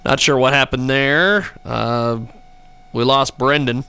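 A man's voice: mid-range voice, fairly even intonation, slow, pushed and bright, smooth. A man hosting a live broadcast show, talking casually and joking sarcastically about technical trouble. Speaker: radio show host.

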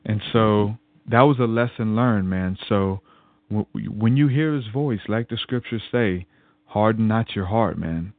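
A man's voice: lowish voice, a little slow, no room sound. A man, a podcast guest, telling a personal faith story in a rambling way, often repeating words and restarting sentences. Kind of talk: casual spoken testimony. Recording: tinny phone-like line.

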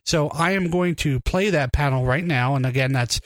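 A man's voice: fairly high pitch, normal speed, no echo. A man telling a story as podcast co-host, rambling and self-deprecating, choked up with emotion. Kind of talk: casual storytelling.

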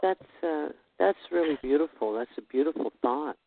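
Through a narrow, phone-like line comes a man with plenty of creak in his voice. He chats in a casual, heartfelt way, halting and earnest as he thinks aloud. The sound is dry and close. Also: on the high side, lively intonation, no echo. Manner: halting, earnest, says "eh" and "you know". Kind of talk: casual heartfelt chat about faith.

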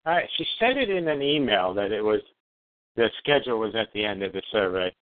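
A man's voice: on the low side, big pitch swings, brisk, no echo. A man chatting on a group call in a wry, sarcastic manner. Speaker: call participant. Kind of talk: casual group call chat. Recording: tinny phone line.

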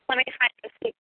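A woman on a conference call through her home phone, and the line keeps breaking up. She apologizes as she moves around with the phone. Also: a little hiss or hum. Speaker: team coach on a conference call. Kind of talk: casual conference call update. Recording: tinny, dry, choppy home phone line.

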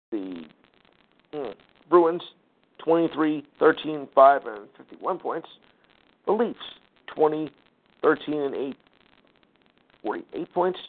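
Over a tinny phone connection, a man whose voice is a little high runs through sports scores and standings as a talk show host. His delivery is peppered with fillers, sighs and quick offhand remarks.

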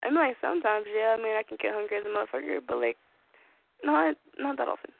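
Woman w/ lots of vocal fry chatting on a phone line, rambly, swears constantly, tinny audio. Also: a little high, fast. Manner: profane, rambling. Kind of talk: casual group phone chat.

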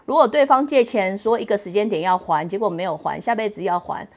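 A woman's voice: mid-range voice, fast talker. A woman casually answering viewer questions on a late-night livestream. She is chatty and playful, laughs often and drops English words into her talk.

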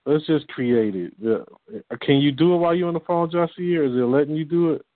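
A man leading a church group's conference call over the phone, talking haltingly with many fillers and restarts. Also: fairly high pitch, no echo. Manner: hesitant, full of fillers and restarts. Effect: heard over a phone line. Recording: tinny dry phone line.

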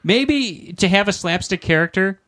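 Blunt man with a slightly high voice. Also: animated, normal speed, fairly bright tone. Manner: blunt, dismissive, swears casually. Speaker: podcast co-host. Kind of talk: casual debate chat.

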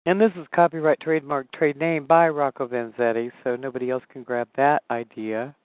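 A man's voice: mid-range voice, fairly even intonation, fairly quick, clear, resonant tone, no room sound, phone-quality sound. A man hosting a casual chat, prompting his guest with teasing questions. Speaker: host.

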